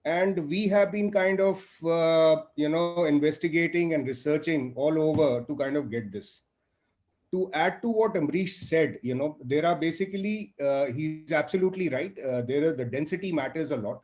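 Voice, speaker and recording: A man speaking in an online business meeting, measured and explanatory with many fillers. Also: fairly high pitch, darkish tone. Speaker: furniture buyer in a trade meeting.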